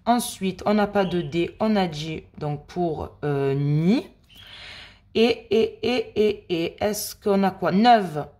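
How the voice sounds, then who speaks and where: A woman hosting a scratch-card video, chatting slowly and addressing her viewers as friends while she checks numbers and letters. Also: on the low side, lively intonation, warm tone. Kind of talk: casual play-by-play commentary.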